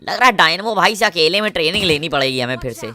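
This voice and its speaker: A man with a Kanpur Hindi accent commentating his mobile gameplay, with swaggering, crude trash talk and shouts at enemies. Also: fairly high pitch, expressive, quick pace. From Kanpur, India. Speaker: mobile gamer.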